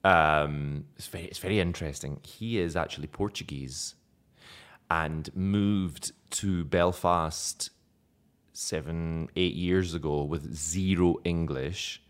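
This deep-voiced Scottish man talks slowly. He's a young actor being interviewed, laughing frequently and poking fun at himself in a relaxed way.

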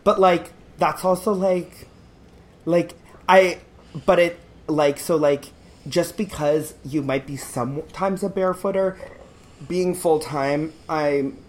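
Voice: mid-range voice, takes it slowly. A podcast co-host from the country in casual chat, laughing often and rambling with lots of fillers. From rural area.

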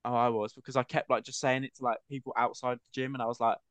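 A man's voice: mid-range voice, flat delivery, fast talker, fairly bright tone, no echo. A young man guesting on a podcast, bantering playfully and joking around. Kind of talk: casual chat.

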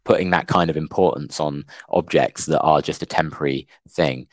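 A young man co-hosting a casual podcast chat, speaking in a calm, reflective way with hesitant fillers. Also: very deep voice, moderate pace, no room sound. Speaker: podcast co-host.

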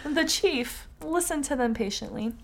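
Lively woman telling a folktale. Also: sits high, a little slow, gravelly. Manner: reads folktale aloud, swearing and laughing, doing voices. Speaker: podcast co-host. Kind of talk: casual storytelling chat.

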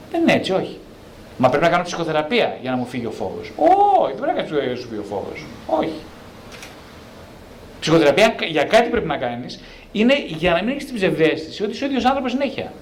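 A male psychotherapist talking freely about self-knowledge, animated and colloquial, often asking and answering his own rhetorical questions. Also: sits high, slight background noise.

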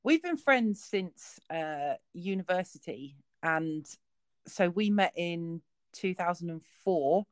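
Southern English woman, late thirties, lowish pitch, dry close sound; relaxed rambling podcast co-host. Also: takes it slowly, dry recording. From south of England. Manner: rambling, anecdotal, many ums. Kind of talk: casual chat.

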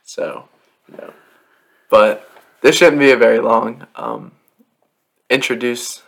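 Young guy with some vocal fry, kinda awkward podcast chat up in an attic. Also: mid-range voice, huge pitch swings, takes it slowly, fairly bright tone. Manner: awkward, hesitant. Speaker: podcast co-host. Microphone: microphone.

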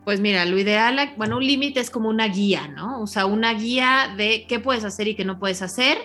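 A woman explaining parenting styles as a guest, in a measured way, checking in with frequent tag questions. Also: mid-range voice, pushed and bright, soft background music. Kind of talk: explanatory conversation.

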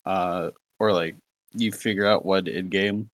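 A man in casual chat who rambles and restarts his sentences. His voice sits low. The sound is dry and close. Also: steady tone, unhurried, no room sound. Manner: rambling, many fillers and restarts. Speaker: podcast co-host.

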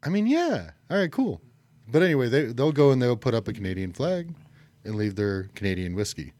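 A man's voice: mid-range voice, sing-song, a little fast, dark tone. A man co-hosting a casual podcast chat, rambling and correcting himself as he goes. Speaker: podcast co-host.

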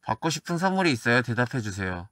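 Soft-spoken man hosting a live stream. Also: mid-range voice, very animated, quick pace, no room sound. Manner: soft-spoken, laid-back, often laughing. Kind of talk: casual live stream chat, answering viewer comments.

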